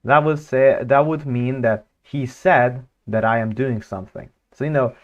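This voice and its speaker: A young male streamer whose first language is Hungarian chats casually on a livestream, thinking aloud hesitantly with many fillers and restarts. His voice is mid-range at a normal speed, and the highs are cut off.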